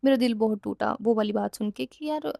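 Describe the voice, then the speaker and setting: A woman's voice: on the high side, fairly quick, gravelly, warm tone, dry recording, studio quality. A young woman casually telling a personal story, rambling and often repeating or correcting herself mid-sentence. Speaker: storytime vlogger.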